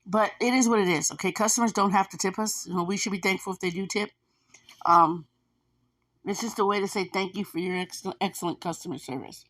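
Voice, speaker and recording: A woman who vlogs about her food delivery gig gives viewers casual advice, chatting away, repeating herself and using plenty of fillers. Her voice is medium in pitch and a bit bright, with fairly even intonation and a slightly fast pace.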